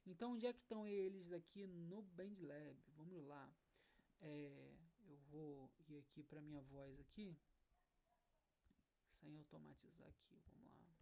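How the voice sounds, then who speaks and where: Low-voiced woman teaching music. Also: measured pace, gravelly, mellow. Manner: explanatory, checks in often with "né?" and "tá bom?". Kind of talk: online music lesson. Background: faint acoustic guitar.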